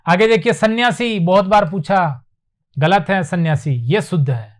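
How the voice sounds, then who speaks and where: A man teaching a Hindi spelling lesson at a whiteboard, repeating each word slowly and asking himself questions before he answers them. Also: high-pitched. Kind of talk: classroom lecture on spelling. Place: classroom with whiteboard.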